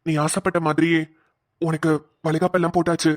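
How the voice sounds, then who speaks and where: A steady, kindly young husband from a family cartoon, as a woman puts him on with a lowered voice. He speaks softly and reassuringly, pitched well below her own voice. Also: a little fast, lightly acted. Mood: gentle. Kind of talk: cartoon voice acting.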